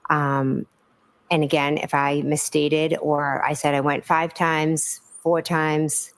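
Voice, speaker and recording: Woman, courtroom witness, very low voice, gravelly fry, careful hesitant answers, apologetic. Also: level tone, takes it slowly. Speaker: witness testifying. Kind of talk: courtroom testimony.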